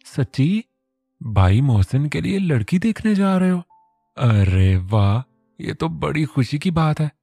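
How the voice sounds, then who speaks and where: A man's voice: a little high, sing-song, measured pace, creaky, warm tone, dry recording, soft background music, voice pushed up, full character voice. A man voicing a feisty, hot-tempered young woman. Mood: fiery. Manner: scolding, sulky.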